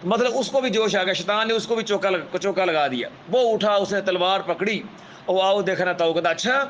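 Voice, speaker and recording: A man giving a religious history lecture in with a tinge, speaking in a measured storytelling manner and often checking in with his listeners. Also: high voice, a bit bright, slight background noise, low-quality recording. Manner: measured, keeps adding a checking "alright?" tag; vivid storyteller, acts out quoted speech. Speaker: Islamic scholar lecturer.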